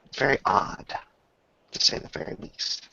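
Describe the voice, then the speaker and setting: As game master for a tabletop roleplaying game, a man improvises narration in a halting, thoughtful way. His tone is bright and forceful, though the recording is dry and the audio dull.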